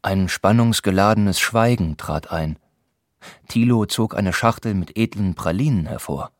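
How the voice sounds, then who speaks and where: A man reads a novel aloud in a steady, measured way. His voice is low and deep, and the recording is close and dry with no room sound. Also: no echo. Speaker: audiobook narrator. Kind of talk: scripted narration of a novel.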